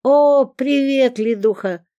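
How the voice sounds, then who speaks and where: A woman's voice: sits high, slow pace, warm tone, clear, resonant tone, no echo, muffled recording, pitched above the performer's own voice. A woman voicing a brash, hungover man arguing with a neighbor.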